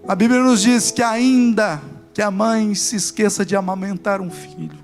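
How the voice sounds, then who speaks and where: High-voiced Brazilian male preacher. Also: moderate pace, soft background music. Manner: emphatic, repetitive preaching. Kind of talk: sermon storytelling. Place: church service.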